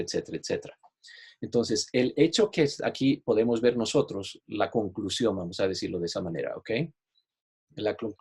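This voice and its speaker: A man leads a Bible study, explaining the material patiently and in careful steps. His voice sits a little low and has a faintly husky edge. He keeps checking in with his listeners as he goes. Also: darkish tone. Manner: explanatory, repeats "¿ok?" to check understanding; shares screen while teaching, online class. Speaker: Bible teacher.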